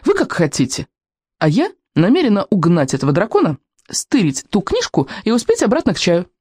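A reader voicing a bold, teasing young Viking girl with a brash, high voice, in an audiobook. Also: wildly swooping pitch, a little fast, darkish tone, breathy edge, no echo, studio quality. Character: bold small blonde Viking girl, daring.

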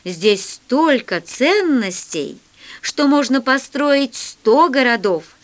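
A woman voicing a calm, caring male professor who speaks quietly and gravely. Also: high voice, slow pace.

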